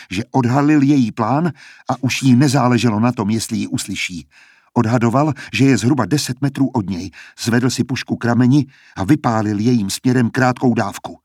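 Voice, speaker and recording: A man narrating an audiobook in a steady, measured storytelling manner. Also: mid-range voice, slightly rough, dry recording, studio quality.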